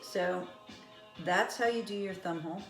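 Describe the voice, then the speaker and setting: A woman's voice: on the low side, unhurried, a bit bright. A woman vlogging about knitting in casual, rambling chat with many fillers. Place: room with vinyl playing. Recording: echoey room, music behind. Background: eighties vinyl record playing.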